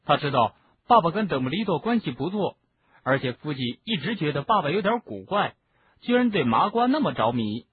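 A man's voice: fairly high pitch, big pitch swings, brisk, breathy edge, full character voice. A man reading a chatty teenage boy wizard. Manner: chatty, explaining at length. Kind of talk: audiobook reading. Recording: narrow phone-like lo-fi sound.

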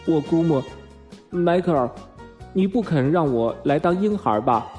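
A man's voice: sits high, moderate pace, dark tone, soft background music, voice pushed up, natural voice. Man doing Tootles, a meek gloomy boy. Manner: meek, downcast. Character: humble, gloomy little boy, silly talker.

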